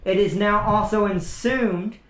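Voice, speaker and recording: A man's voice: sits high, fairly even intonation, measured pace, fairly bright tone. A young man hosting a casual livestream, rambling chattily about movies with restarts and laughs. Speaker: livestream host. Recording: roomy echo.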